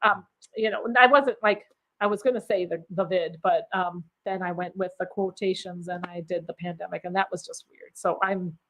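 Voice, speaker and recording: A woman's voice: lowish voice, steady tone, normal speed, fairly bright tone, rough recording. A woman hosting a casual cruise chat, reading out viewer comments in a bubbly, chatty way and laughing easily. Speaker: cruise vlogger host.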